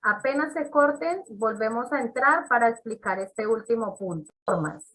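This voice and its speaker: A woman's voice: fairly high pitch, expressive, normal speed, a bit bright, low-quality recording. A woman teaching an English class on a video call, explaining step by step and checking in with her students. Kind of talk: online class instruction.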